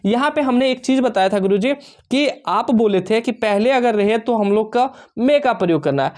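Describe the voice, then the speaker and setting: A man teaching an exam-prep English lesson, explaining step by step and reading English sentences out slowly. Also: high voice, lively intonation. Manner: addresses students warmly as dear children.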